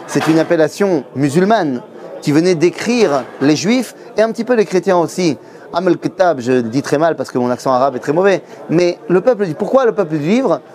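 A middle-aged man with a slightly high voice explains Torah in a busy yeshiva study hall. He teaches like a storyteller and briefly acts out the voices of the people he quotes. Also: expressive, fairly quick, darkish tone. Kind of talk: explanatory lesson to camera.

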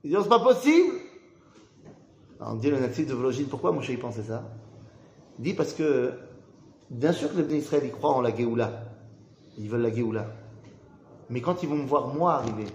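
A man's voice: medium pitch, a little fast, pauses often, a little mellow, echoey room, a little hiss or hum. A man teaching an interactive Torah class, putting questions to the group and acting out the people he quotes.

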